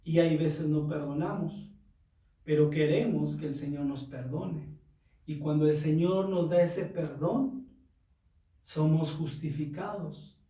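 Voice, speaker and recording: Pastor, male, slow sermon delivery, dark tone, echoey church hall, mic set off at a distance. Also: on the high side. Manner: unhurried preaching, addressing the church directly. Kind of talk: sermon reading and explaining scripture.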